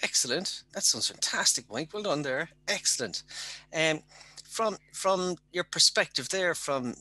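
A middle-aged host asks his guest a long question, stopping and restarting as he goes. His voice is very bright and sharp. He is heard through a headset on a video call from an office. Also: a little high, expressive, unhurried. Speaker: golf coach host.

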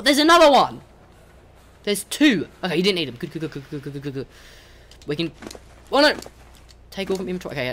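Excitable gamer, lively pitch. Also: slight background noise. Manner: excitable, scolds and coaxes the game animals. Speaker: gaming channel host. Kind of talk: let's-play game commentary. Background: game music.

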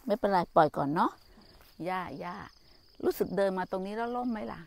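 An older woman walks outdoors among trees and teaches in a gentle, motherly way. She calls her listeners "child" as she speaks. Insects chirp faintly behind her. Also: medium pitch, fairly quick, gravelly. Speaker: Buddhist nun and teacher. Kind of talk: walking talk on nature and mindfulness.

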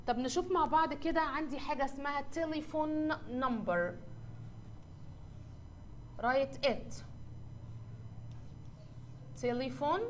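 A woman teacher with an Egyptian Arabic accent gives a recorded English lesson, mixing Arabic and English, asking questions and answering them herself, and spelling words out letter by letter. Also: high voice. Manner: asks and answers her own questions.

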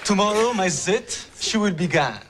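A vain, dramatic Italian assistant. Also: male voice, high-pitched, lively intonation, normal speed, over a noisy crowd. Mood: melodramatic. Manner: melodramatic, self-adoring, theatrical outbursts. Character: vain excitable Italian male office assistant Stefano. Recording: noisy 1990s TV sitcom soundtrack.

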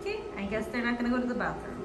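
A woman's voice: fairly high pitch, very animated, very fast. A woman chatting casually to a handheld phone camera in a travel vlog, full of fillers and cooing at her pets. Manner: chatty, filler-heavy, coos at the cats. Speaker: pet vlogger. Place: airport and rental car. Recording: noisy phone recording in transit.

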